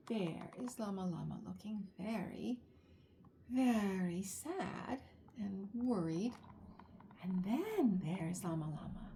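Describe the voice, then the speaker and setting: With a warm, medium-pitched voice, a woman reads a children's picture book expressively, stretching out words and adding chatty asides and questions for young listeners. A faint hiss or hum sits in the background.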